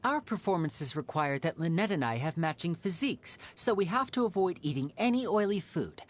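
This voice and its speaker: Lively, playful young magician Lyney. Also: female voice, lowish voice, brisk. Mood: musing. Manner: theatrical, teasing, smooth showman. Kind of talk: video game character voice lines.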